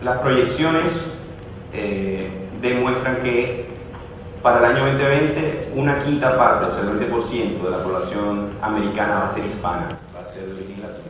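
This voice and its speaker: A conference speaker with a lowish, fairly bright voice presents in a large conference room at normal speed. He explains at length, often hesitating and restarting. The hall is echoey, the mic distant, and background noise is present.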